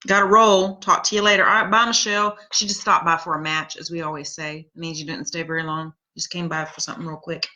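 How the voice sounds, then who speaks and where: A woman's voice: deep voice, fairly even intonation, quick pace, few pauses, bright, forceful tone, rough recording. A woman in her forties hosting a casual live chat, rambling through funny family stories and laughing at them. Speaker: podcast host reading live comments.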